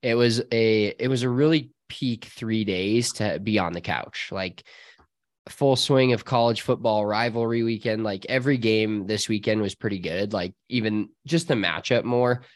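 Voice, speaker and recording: American dude, kinda low voice, dry recording, rambling casual podcast talk. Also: male voice, normal speed, no echo. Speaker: podcast co-host. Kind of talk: casual chat.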